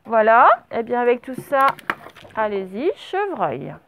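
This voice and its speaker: A woman's voice: on the high side, big pitch swings, a little slow, a bit bright, a little hiss or hum. A woman teacher giving a spelling dictation lesson to children on camera, patiently spelling words out letter by letter. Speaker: primary school teacher.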